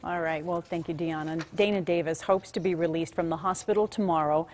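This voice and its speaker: A woman's voice: on the low side, fairly even intonation, fairly quick, a little mellow, a little hiss or hum. A woman anchoring a television newscast, reading scripted introductions and handovers. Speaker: news anchor.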